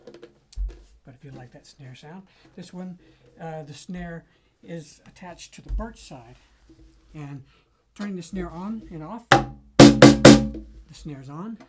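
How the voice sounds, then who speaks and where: Low-voiced woman demonstrating a cajon. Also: darkish tone, soft background music. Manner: unhurried, explanatory, with frequent pauses and fillers. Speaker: cajon maker demonstrating an instrument. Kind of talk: casual product demonstration. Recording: cajon drumming between and under the speech.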